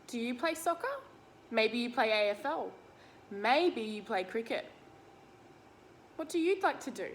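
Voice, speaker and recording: An Australian woman reads a picture book aloud to young children with expression, addressing them directly with simple explanations and questions. Her voice is a little high and lively, unhurried, with long pauses and slight background noise.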